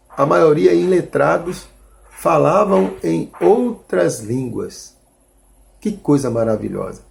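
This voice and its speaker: A man's voice: a little high, gravelly, darkish tone, a little hiss or hum. A man preaching a sermon, reading scripture and explaining it in an earnest way, calling his listeners brothers and restarting as he reasons aloud.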